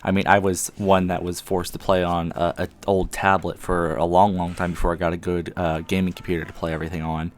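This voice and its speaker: A man's voice: low voice, little pitch movement, a little fast, hardly any pauses. A young man hosting a casual podcast chat, rambling with lots of ums. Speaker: podcast host. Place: friend's house at night. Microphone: one mic shared with a co-host.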